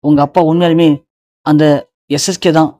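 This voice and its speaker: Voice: medium pitch, level tone, moderate pace, warm tone, no room sound, studio quality, natural voice. A narrator voicing a caring young wife who anxiously soothes her husband. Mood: soothing.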